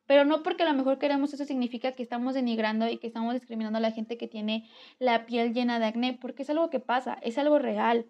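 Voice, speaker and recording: Mexican girl chatting advice to camera, kinda high voice, dull lo-fi sound. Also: fast talker. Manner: earnest, conversational, lively emphasis. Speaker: vlogger. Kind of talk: casual advice talk to camera. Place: home near a railway.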